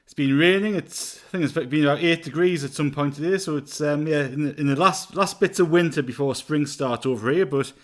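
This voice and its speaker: A man co-hosts a casual football podcast over a remote call, offering thoughtful but rambling analysis packed with fillers. His voice is fairly high, and he talks fairly quickly with few pauses.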